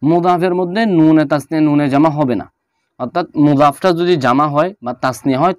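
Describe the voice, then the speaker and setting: Man teaching grammar slowly. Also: on the high side, no room sound, clean studio sound. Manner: repeats examples slowly, with fillers. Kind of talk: explaining on-screen notes in a lesson.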